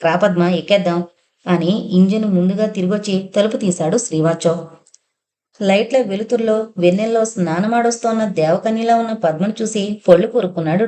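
A woman narrating an audio novel in an even storytelling manner. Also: mid-range voice, a little fast.

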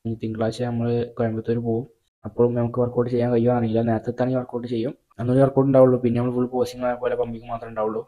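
A young adult man narrates a casual bodybuilding vlog, matter-of-factly talking through his diet and training plans. He records on a phone camera in a small room at home, so the audio is narrow and tinny. His mid-range voice has little pitch movement, and he races along.

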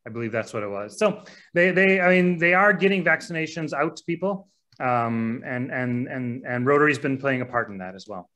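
Bright-voiced man on a video call. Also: mid-range voice, normal speed. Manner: relaxed and conversational. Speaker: guest reporting from abroad.

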